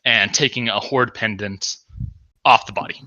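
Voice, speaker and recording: A man's voice: fairly low pitch, fairly even intonation, normal speed, bright, forceful tone, dry recording, muffled recording. A man co-hosting a casual podcast, explaining video game lore in detail with sarcastic, profane asides. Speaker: podcast co-host. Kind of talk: casual drunk podcast banter.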